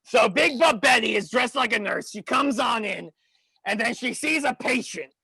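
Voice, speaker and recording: A man putting on a crude, tipsy, sleazy male wrestler persona, rambling and stammering with a gravelly, husky voice. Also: extremely high pitch, expressive, moderate pace, bright, forceful tone, dry recording, exaggerated voice, poor audio. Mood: boastful rambling. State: tipsy from shots.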